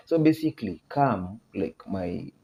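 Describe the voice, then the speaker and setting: A man with a Kenyan accent teaching a casual video lesson, chatty, laughing often and repeating phrases slowly. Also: mid-range voice, animated, dull audio, slight background noise.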